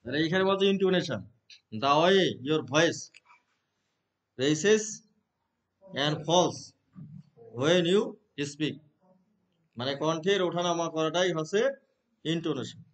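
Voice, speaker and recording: A Bangladeshi man teaching a class of trainee teachers, explaining terms, reading English definitions slowly and asking the room questions. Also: a little high. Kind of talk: classroom lecture.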